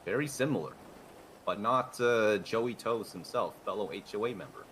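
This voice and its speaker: A man doing an oddly mechanical adult man, speaking in stiff, formal phrases with a low, level voice. He delivers every line like a machine reading out a status report, in game role-play. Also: moderate pace, a bit bright, slight background noise, lightly acted, rough recording. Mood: stiff robotic.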